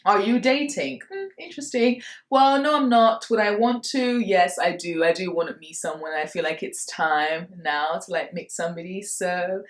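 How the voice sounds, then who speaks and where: A woman's voice: fairly low pitch, moderate pace, hardly any pauses. A woman in her late twenties from Nigeria, chatting casually through a Q&A for her vlog and laughing between answers. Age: 20s. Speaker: vlogger. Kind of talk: casual Q&A chat to camera. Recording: roomy echo.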